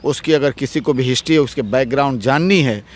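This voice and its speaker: A man, an advocate, giving a heated political interview, arguing forcefully with repeated rhetorical questions. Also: mid-range voice, brisk.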